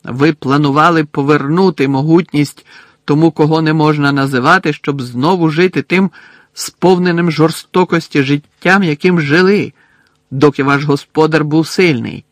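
A man voicing a stern older male judge who speaks loudly and formally. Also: fairly high pitch, moderate pace, dry recording, natural voice. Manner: loud, shouting, clipped formal speech.

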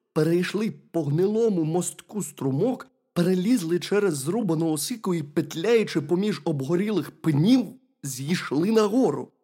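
A narrator reading a gentle children's tale aloud, measured and expressive. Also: mid-range voice. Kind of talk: storybook narration.

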